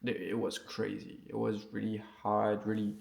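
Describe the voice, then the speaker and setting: This vlogger and music producer, a non-native English speaker, has a fairly low voice with vocal fry and a slightly mellow quality, delivered completely flat at normal speed. Talking off the cuff to camera, he's informal, earnest, full of slang and swearing, and keeps checking in.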